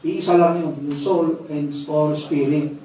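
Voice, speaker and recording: A high-pitched man preaches in a church, heard from well back in a very reverberant hall. The sound is dull and muffled. He repeats phrases and keeps checking in with a questioning "no?". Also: fairly even intonation, a little slow, warm tone, a little hiss or hum. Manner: storytelling, repeats key phrases. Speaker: pastor. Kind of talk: sermon. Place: church sanctuary, indoors. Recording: very echoey hall, distant dull mic.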